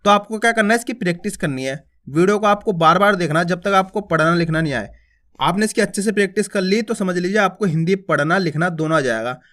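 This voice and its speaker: A man teaching Hindi, reading words slowly and repeating each one, asking his viewers questions and then answering them himself. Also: sits high, lively intonation, fairly bright tone. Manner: says each word twice, drawing out the first, then explains step by step; addresses viewers as friends, asks and answers his own questions. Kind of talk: slow word-by-word reading lesson.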